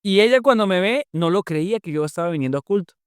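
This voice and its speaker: A young man, a podcast guest earnestly retelling his faith story with emotional, drawn-out pauses. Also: high-pitched, animated, smooth, no room sound, clean studio sound. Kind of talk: personal faith testimony storytelling.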